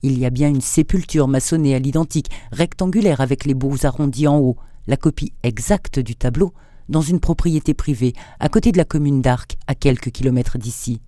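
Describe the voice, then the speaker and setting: A man's voice: mid-range voice, brisk, dark tone, dry recording, studio quality, lightly acted. A man reading aloud as an older male scholar, a learned marquis who explains things at length. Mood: explaining.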